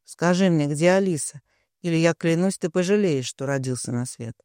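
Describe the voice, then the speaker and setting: A man's voice: fairly high pitch, normal speed, darkish tone, smooth, dry recording, clean studio sound, close to an everyday voice. A man reading an audiobook, voicing a furious young man who growls threats.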